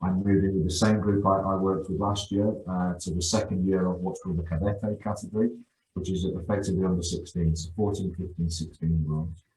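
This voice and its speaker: Guesting on a laid-back podcast, a middle-aged man who coaches youth football talks briskly in a very low, slightly mellow voice with little pitch movement. His enthusiasm shows as he repeats and restarts words, and the echoey room is clearly audible.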